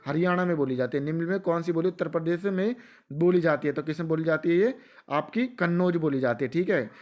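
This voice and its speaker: Fast-talking male exam-prep teacher. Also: on the high side, a little mellow, dull audio. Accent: western Uttar Pradesh. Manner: asks questions and answers them himself; repeats answers for emphasis. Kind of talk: rapid quiz-style lecture.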